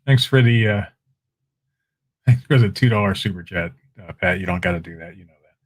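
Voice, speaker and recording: Chatting casually with the people in his stream's chat, a man with a lowish voice and moderate pace shows items and calls bids during a live-stream auction. His manner is relaxed and talkative.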